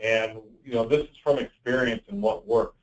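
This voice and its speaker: A man leading a sales team conference call, heard through a call speaker, talking in a halting, conversational way. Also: mid-range voice, fairly even intonation. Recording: muffled distant call audio.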